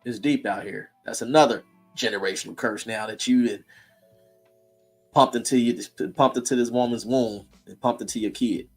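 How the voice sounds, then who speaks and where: A man's voice: mid-range voice, moderate pace, faint music behind. Blunt, preachy man talking heatedly. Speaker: host. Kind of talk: casual streamed talk.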